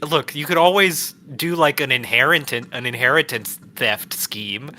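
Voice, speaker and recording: A man's voice: medium pitch, moderate pace, sharp tone, slight background noise. A young man co-hosting a casual game stream, sarcastic and profane, rambling through banter. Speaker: streamer co-host. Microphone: headset.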